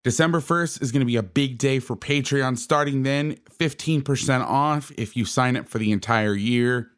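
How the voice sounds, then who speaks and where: A middle-aged man hosting a coaching podcast, talking casually in quick, upbeat patter. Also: mid-range voice, fairly bright tone, clean tone. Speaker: podcast host.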